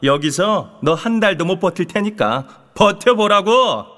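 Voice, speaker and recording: An actor playing an arrogant, snobbish high school bully in an audio drama, sneering and haughty, in a reverberant space. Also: male voice, lively intonation, unhurried, bright, forceful tone, full character voice. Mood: scornful, hostile.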